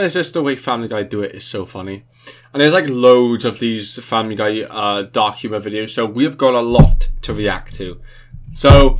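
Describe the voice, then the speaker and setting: A young adult man talking casually to viewers as the host of a reaction video. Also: medium pitch.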